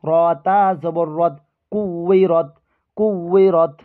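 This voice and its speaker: A man teaching Quran reading, spelling out Arabic letters and syllables and repeating each word, in a drawn-out way. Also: fairly high pitch, steady tone. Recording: tinny phone-like sound.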